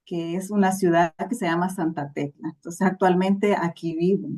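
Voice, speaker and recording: A Salvadoran woman from El Salvador tells her life story as a podcast guest, speaking earnestly and reflectively. Her voice is on the low side, with a steady tone, normal speed and a dark timbre.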